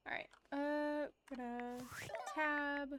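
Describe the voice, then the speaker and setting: High pitched woman doing lets-play commentary, joking around casually. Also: level tone, takes it slowly, a bit bright. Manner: joking, chatty reactions. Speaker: game player.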